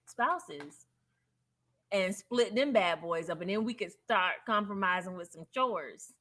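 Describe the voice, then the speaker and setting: A woman co-hosting a casual relationship advice chat, playful and quick to laugh as she acts out everyday examples. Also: medium pitch, expressive, sharp tone.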